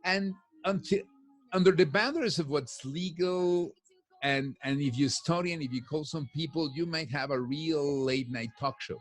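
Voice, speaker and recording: On a video call with headphones from his home office, a middle-aged guest with Spanish as his first language chats away on an easygoing podcast, repeatedly starting over mid-thought. His pitch is fairly high and his pace moderate.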